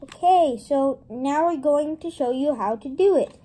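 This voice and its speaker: A woman presenting a casual step-by-step tutorial, explaining things in an informal, halting way. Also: high-pitched, warm tone, poor audio. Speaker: presenter of a card trick tutorial.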